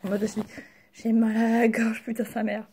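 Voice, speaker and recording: A young woman chats casually in a vlog, halting and slangy, speaking carefully with a sore mouth after wisdom teeth removal. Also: a little high, completely flat delivery, dark tone, breathy edge. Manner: halting, slangy, searching for words. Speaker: vlogger. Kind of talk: casual personal storytelling to camera.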